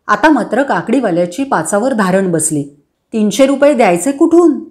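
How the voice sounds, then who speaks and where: A woman narrating a folk tale for children in a clear, expressive way. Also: a little high. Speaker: storyteller. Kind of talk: story reading for children.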